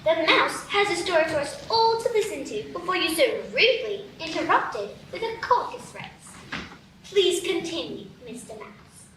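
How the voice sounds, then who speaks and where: A woman voicing Alice, a polite and curious young girl, earnest and excitable, in a live radio play with an echoey room. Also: extremely high pitch, normal speed. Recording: echoey stage, distant mic, room noise.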